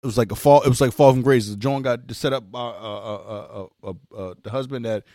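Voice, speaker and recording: A young man co-hosting a podcast, rambling and halting as he chats casually about a TV episode. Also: mid-range voice, warm tone, no room sound, clean studio sound. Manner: rambling, halting, lots of filler. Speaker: podcast co-host.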